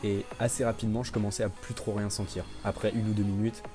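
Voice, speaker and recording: A man's voice: on the low side, level tone, fast talker. A man narrating his own experience in a casual, conversational voice-over. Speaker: vlogger. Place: voice-over recorded separately. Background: guitar music.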